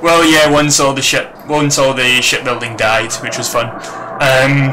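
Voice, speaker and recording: A man's voice: mid-range voice, fairly even intonation, a little slow, background noise. A man from Glasgow, telling wry, self-mocking stories in casual panel chat. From Glasgow, Scotland.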